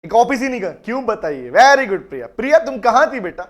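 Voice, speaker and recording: A male law lecturer runs a live online class in a teasing, playful manner, fondly calling his students "beta". He slows right down to dictate definitions word by word for them to write. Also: extremely high pitch, sing-song. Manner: dictates notes slowly, word by word.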